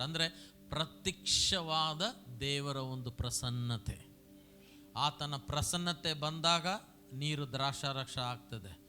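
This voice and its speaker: A man's voice: a little high, pushed and bright. A middle-aged pastor, preaching animatedly and having the congregation repeat his phrases. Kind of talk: sermon with call-and-response.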